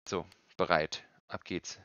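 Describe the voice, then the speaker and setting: A man's voice: slow pace, a bit bright, no echo. A man in his thirties giving casual game commentary, muttering short phrases to himself, with slightly muffled sound. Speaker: game streamer.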